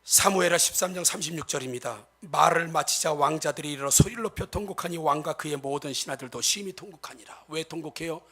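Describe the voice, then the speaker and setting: Male pastor preaching, high bright voice, bounces all over, acts out little scenes for the congregation. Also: fast talker, hardly any pauses, slightly rough. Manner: animated, acts out quoted speech; addresses the congregation often. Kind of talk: sermon.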